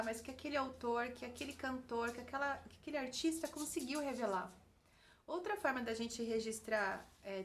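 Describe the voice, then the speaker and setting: A woman talking straight to camera in an unedited vlog, chatty and gently encouraging, often tagging her sentences with "né?". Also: on the high side, slight background noise. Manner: chatty, gently encouraging, full of "né?" tag questions. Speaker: vlogger and author. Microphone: single camera, talking straight to viewers.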